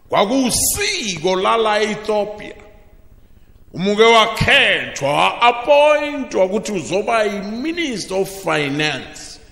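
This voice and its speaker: A man preaching a sermon into a pulpit microphone, who bursts into shouted emphasis and then drops low. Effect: preaching through a pulpit microphone. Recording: long reverb of a large hall.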